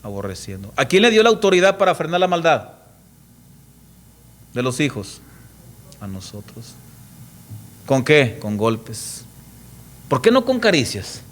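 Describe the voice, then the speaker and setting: A middle-aged man preaching a sermon, emphatic and full of rhetorical questions to the congregation, telling stories with lively quoted voices. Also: medium pitch, a little slow, long pauses. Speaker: pastor. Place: church.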